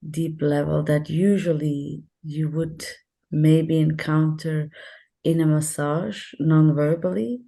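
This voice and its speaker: Guest woman, low and mellow, slow and hesitant with fillers, on a video call. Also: vocal fry. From Portugal. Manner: thoughtful, hesitant, with many fillers. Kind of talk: casual interview talk.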